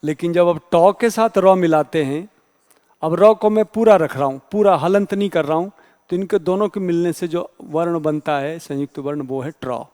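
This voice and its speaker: A man's voice: on the high side, normal speed, a little mellow, long reverb tail. A male teacher giving an exam-prep grammar lecture, explaining patiently and spelling out letters one by one.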